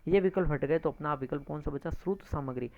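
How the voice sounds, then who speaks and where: Gravelly exam-prep teacher, lo-fi sound. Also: medium pitch, fast. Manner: repetitive, addresses listeners as friends, frequent tag questions. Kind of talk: exam-prep lecture, explaining answers. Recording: dull lo-fi recording.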